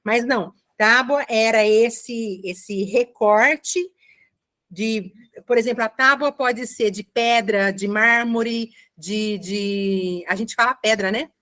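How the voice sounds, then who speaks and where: A woman giving a commented Bible reading, explaining slowly with frequent checking asides. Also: on the high side, a bit bright. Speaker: Bible teacher.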